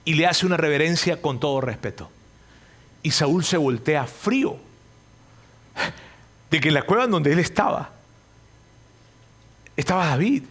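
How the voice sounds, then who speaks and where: A man preaching a sermon, earnest and pleading, repeating his phrases and telling the story with sudden loud and quiet turns. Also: fairly high pitch, expressive, a little slow, long pauses.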